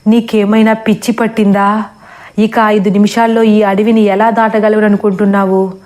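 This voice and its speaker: A woman's voice: medium pitch, little pitch movement, normal speed, darkish tone, natural voice. A woman voicing a vengeful female forest spirit who taunts and threatens in a storybook horror tale. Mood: taunting.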